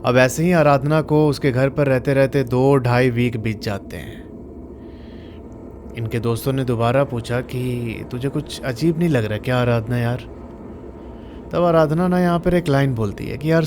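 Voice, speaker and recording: A man's voice: mid-range voice, a little mellow, slight background noise. Man telling a spooky true story, conversational, buddy-like with the audience, medium voice. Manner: chatty, addresses listeners as friends. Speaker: horror story narrator. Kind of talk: casual storytelling narration.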